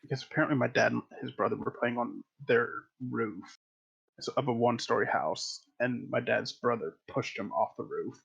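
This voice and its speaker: Husky, gravelly storyteller. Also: male voice, medium pitch, normal speed, a bit bright, muffled recording. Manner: rambling, self-correcting anecdotes. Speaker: player. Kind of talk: casual storytelling at a game table.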